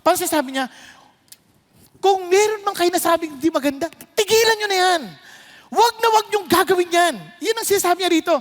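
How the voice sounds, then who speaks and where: Filipino lady pastor preaching, high voice, switching between english and tagalog, big echoey church hall. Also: a little fast. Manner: mixes English with Tagalog, asks the congregation questions. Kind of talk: sermon to a congregation.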